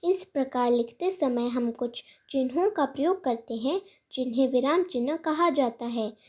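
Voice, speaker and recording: A woman hosting her own channel, giving a scripted grammar lesson for children and reciting rules and examples in a measured, clear way. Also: high voice, a little mellow. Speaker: channel host teaching Hindi grammar.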